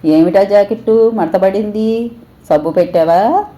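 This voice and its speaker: Woman doing a cruel scolding mother-in-law, harsh and threatening, dark mellow voice, storybook. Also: medium pitch, measured pace, voice pushed up, close to an everyday voice. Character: domineering, suspicious older mother-in-law.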